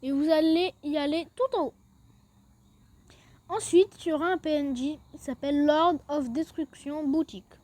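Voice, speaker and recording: This gaming video creator has a warm, high-pitched voice and talks at a moderate pace. She walks through a game step by step in a casual, chatty way, frequently using "then" to lead into each new step.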